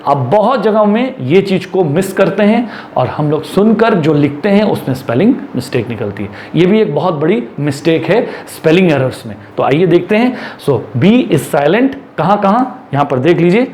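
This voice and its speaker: Lively-pitched man teaching spelling rules. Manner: slow, stretched reading of English rules, quick Hindi explaining. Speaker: English teacher. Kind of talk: classroom lesson in Hindi mixed with English. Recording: echoey room with faint background noise.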